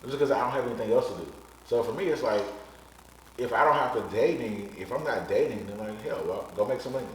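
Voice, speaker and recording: A man's voice: mid-range voice, quick pace, distant mic. A man in his thirties, a podcast guest talking frankly and bluntly in casual chat, swearing casually. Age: 30s. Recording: echoey room, off-mic, faint noise.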